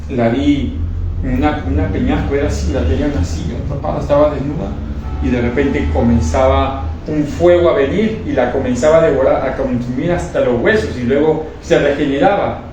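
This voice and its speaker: A man's voice: medium pitch, steady tone, moderate pace, mellow. A man giving an emotional religious testimony. He speaks with fervor, repeats himself and often stumbles into restarts. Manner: fervent, repetitive, stumbling restarts. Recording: echoey room, distant mic, faint noise.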